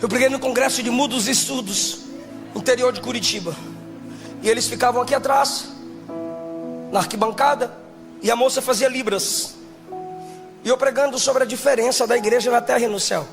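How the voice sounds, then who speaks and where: A man, a pastor, preaching a sermon, shouting and half-singing his appeals and then telling stories quietly. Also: very high voice, a little fast, long pauses. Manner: shouts and half-sings exhortations, then drops to quiet storytelling. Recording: music playing behind the voice.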